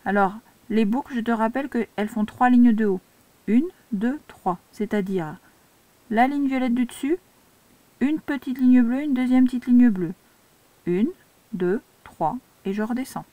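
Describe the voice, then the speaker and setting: Une institutrice française qui explique l'écriture cursive à de jeunes élèves, pas à pas et avec patience. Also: female voice, fairly high pitch, mellow, dry recording. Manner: slow, patient step-by-step instruction. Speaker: primary school teacher. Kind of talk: handwriting lesson for young children.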